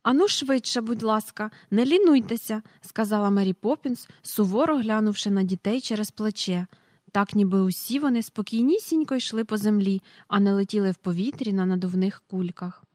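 A woman reading a children's storybook aloud in an even, clear narration. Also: medium pitch, brisk, no room sound, clean studio sound. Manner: even, clear reading, reads out page numbers. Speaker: audiobook reader.

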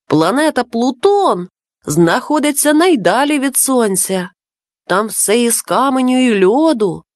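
A woman's voice: a little high, animated, measured pace, no echo, clean studio sound. Woman playing a patient, knowing dove friend. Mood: explaining. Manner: explaining, patient.

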